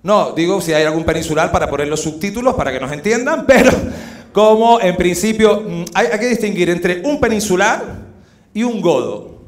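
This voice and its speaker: A man's voice: high voice, lively intonation, moderate pace. A man from the Canary Islands with a Canarian accent, hosting and doing brash stand-up comedy on a live stage, teasing the crowd. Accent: Canarian Spanish. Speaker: comedian and host. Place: live stage in a hall with an audience. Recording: echoey hall with live audience.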